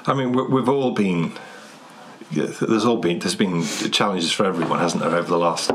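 A man's voice: deep voice, moderate pace, a bit bright, slight background noise. A man co-hosting a knitting show in casual chat, teasing and playful in his banter.

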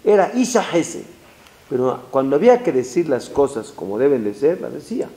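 A man, a rabbi giving a religious lesson in an animated, emphatic way, with Hebrew phrases mixed in. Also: medium pitch, fairly quick. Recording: roomy echo.

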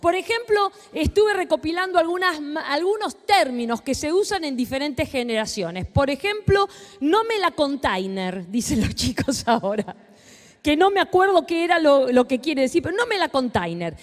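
Woman, middle-aged, Rioplatense accent, high voice, lively sermon to an audience, reverberant hall. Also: moderate pace. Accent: Rioplatense Spanish. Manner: animated, teasing, talks directly to the audience. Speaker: pastor and speaker. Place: large hall with a live audience.

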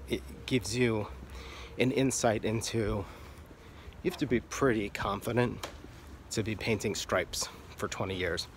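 A man's voice: lowish voice, slight background noise. A man giving casual, frank explanatory talk about art in an offhand, irreverent manner. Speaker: artist and video creator.

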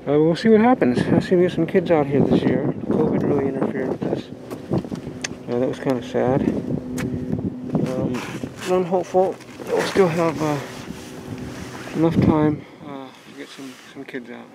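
On a marina dock, the skipper of a youth sailing nonprofit shows off his sailboat in a casual walkthrough vlog, rambling cheerfully with plenty of fillers. His voice is a little high and gravelly at a moderate pace. Captured on a handheld camera mic, the clip is full of loud wind, water and boat ambience outdoors.

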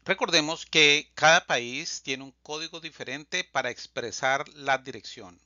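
A man teaching a language lesson, reading phrases slowly and deliberately and repeating them for learners. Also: a little high, sharp tone, no echo, dull audio. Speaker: Spanish teacher. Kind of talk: slow scripted language lesson.

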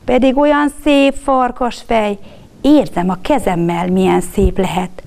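A woman voicing a poor, humble old blind beggar man who speaks softly and pleads in a trembling voice. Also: medium pitch, steady tone, natural voice. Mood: pleading.

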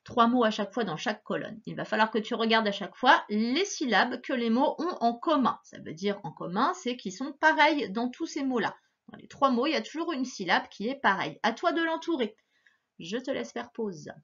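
Bright, lively woman teacher, slow and reassuring, dull lo-fi recording. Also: a little high, breathy edge. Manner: patient, slow and encouraging, stressing each sound. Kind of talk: recorded phonics lesson for a child.

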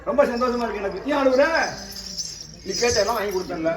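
A man from Tamil Nadu, a temple priest performing an exorcism, scolding and commanding the spirit, often shouting. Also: sits high, quick pace. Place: temple, outdoors or open hall. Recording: echoey, distant mic, noisy.

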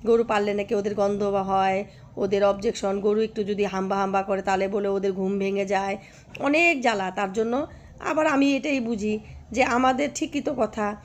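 A hoarse woman vlogging by a cowshed, chatting affectionately with her viewers and often asking if they follow. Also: medium pitch. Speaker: village life vlogger. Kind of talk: casual vlog chat to viewers.

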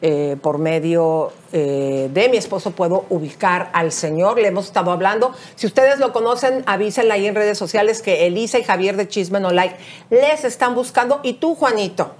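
A middle-aged woman with a Mexican Spanish accent co-hosts a celebrity gossip show on a bright TV studio set, talking directly to viewers and calling them comadres. Her voice is mid-range and darkish at a moderate pace, and her chatty delivery is sprinkled with the fillers "eh" and "este."

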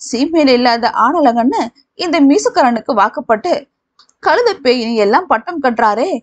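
A woman voicing a feisty old grandmother who quarrels loudly and dramatically. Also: expressive. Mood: quarreling. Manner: shrill, quarrelsome, quick.

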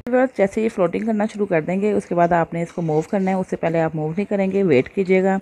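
A woman of medium pitch and dark tone speaks fast with fairly even intonation while voicing over a step-by-step recipe. As host of a cooking channel, she's friendly and patient, talks to viewers often and sprinkles in English words.

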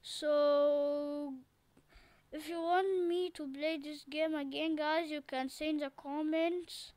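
A woman giving casual gameplay commentary, excitable and repeating herself in pleading cries. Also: high-pitched, takes it slowly, no room sound. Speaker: gaming channel host.

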